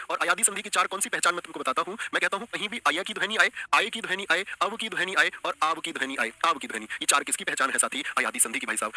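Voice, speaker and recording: A man's voice: high voice, sharp tone, dry recording. A man teaching an online exam-prep lesson, coaxing the class and repeating his questions.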